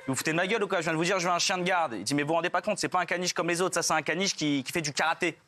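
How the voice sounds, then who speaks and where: High-voiced man telling stand-up jokes. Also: bright, forceful tone, a little hiss or hum. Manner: quick joke delivery, acts out characters' lines with shifting pitch. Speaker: stand-up comedian.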